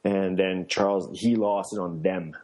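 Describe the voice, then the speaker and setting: Middle-aged male guest, low voice, rambling storyteller full of restarts and little laughs. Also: fairly even intonation, a little slow, darkish tone. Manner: rambling, with many restarts and fillers; laughs while telling stories. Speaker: guest, former luge athlete and coach. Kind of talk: casual storytelling in an interview.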